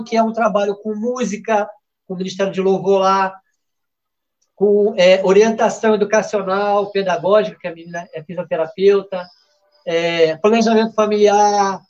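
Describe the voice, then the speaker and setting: This football betting show host's voice sits high with a darkish tone, and the audio is dull. He keeps the live show talk casual and chatty, frequently restarting sentences and filling gaps.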